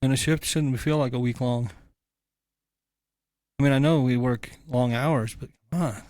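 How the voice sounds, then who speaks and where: A man's voice: medium pitch, steady tone, unhurried, darkish tone, dry recording, clean studio sound. Easygoing man joking on a podcast. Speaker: podcast co-host. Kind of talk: casual chat. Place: home room.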